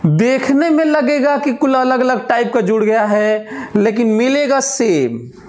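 A man teaching a physics lecture, explaining by repeating examples aloud with long pauses and slowly dictating notes. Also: very high-pitched, lively intonation, a little mellow, roomy sound. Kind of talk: classroom lecture.

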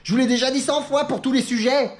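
A man's voice: extremely high pitch, quick pace. A middle-aged man from France chatting casually as a sim racing YouTuber, telling stories, acting out what others said and laughing often. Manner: chatty, animated storytelling, acts out quotes, laughs often. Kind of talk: casual talking-head chat.

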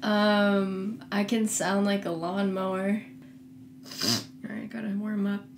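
A young woman chatting as a guest, answering in a slow, deliberate, dry way. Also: medium pitch, level tone, very noisy. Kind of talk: casual chat.

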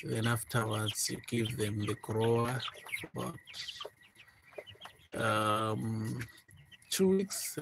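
Man, low gravelly flat voice; soft, hesitant farm walkthrough; noisy phone recording in a chicken house. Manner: soft, hesitant, many fillers and repeated words. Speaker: poultry farmer showing his broiler chickens. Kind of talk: informal farm walkthrough vlog. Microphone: handheld phone, speaker off camera. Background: chickens chirping.

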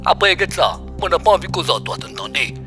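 A man's voice: high voice, expressive, quick pace, over music. A man playing an irritated, insulting friend, scolding down the phone in a comedy sketch. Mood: scornful.

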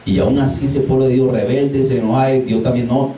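A man's voice: mid-range voice, brisk, slight background noise. A man who is a deliverance minister, preaching informally to a small group, acting out exclamations and laughing as he goes, recorded far from the mic in an echoey room. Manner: animated, mimics exclamations, laughs while preaching.

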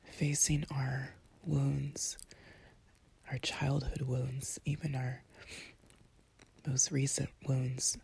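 Breathy, very slow whispered role-play, woman. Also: extremely low pitch, little pitch movement, a little mellow. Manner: slow, soothing, tender delivery with long pauses. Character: empathic, comforting girlfriend. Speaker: intimate audio performer playing a comforting girlfriend. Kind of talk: whispered role-play, intimate ASMR comfort.

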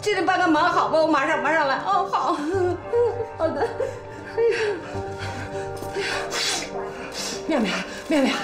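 An actress playing a fussy, excitable older grandmother who gushes and repeats her words. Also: high-pitched, takes it slowly, long pauses, exaggerated voice. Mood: flustered. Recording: roomy echo with faint music.

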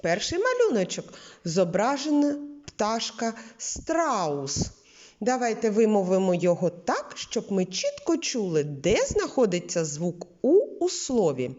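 A woman teaching a literacy lesson to preschoolers, from Ukraine, talking slowly and patiently and drawing out sounds and words. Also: mid-range voice, big pitch swings, a little mellow, dull audio.

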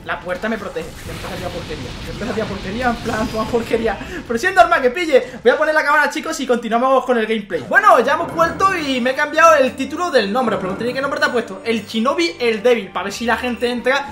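A man with a Spain Spanish accent giving excitable let's play commentary, with frequent swearing and exclamations. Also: very high voice, fast talker, few pauses. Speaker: gaming channel host.

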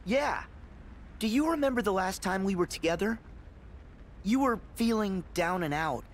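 A man's voice: high voice, animated, normal speed, a little hiss or hum. A young man voicing an earnest, eager teenage boy hero in a video game. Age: young adult. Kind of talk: video game cutscene acting.

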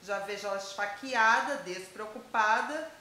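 A woman's voice: mid-range voice, normal speed, sharp tone, a little hiss or hum, natural voice. An actress with a Brazilian accent playing a suspicious, scolding mother who interrogates her daughter in a dramatic scene. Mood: sarcastic. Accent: Brazilian Portuguese. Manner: interrogating, sarcastic, demanding. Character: suspicious scolding mother, prying and sharp-tongued. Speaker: actor in a scene. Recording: echoey room.

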